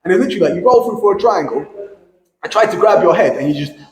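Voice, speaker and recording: A man in casual podcast chat, telling stories with lively energy, laughing often and restarting sentences. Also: high voice, very fast, big-room sound. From England. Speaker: grappling competitor, guest.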